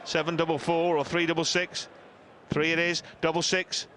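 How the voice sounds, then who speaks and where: A man's voice: fairly high pitch, flat delivery, normal speed, fairly bright tone. A man giving live darts commentary on a match. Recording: clear arena noise behind.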